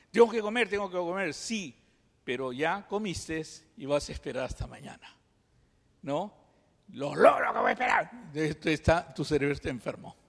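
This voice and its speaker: A man from Peru with a Peruvian Spanish accent, preaching a sermon and teaching through lively examples and rhetorical questions. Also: fairly high pitch. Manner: animated storytelling, acts out examples, rhetorical questions. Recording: long hall reverb.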